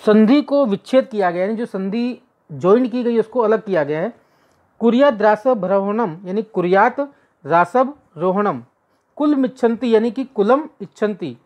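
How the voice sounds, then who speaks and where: A woman teacher explaining a textbook lesson, going through words one by one, repeating herself and correcting her slips. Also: mid-range voice. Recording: dull lo-fi recording.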